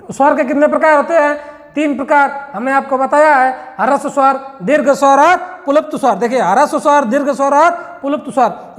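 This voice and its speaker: A man's voice: very high voice, in a large hall. A male teacher going through exam questions, sounding out letters one at a time and asking the class rhetorical questions. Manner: slow, drawn-out letter-by-letter drilling with rhetorical questions. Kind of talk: exam-prep lesson.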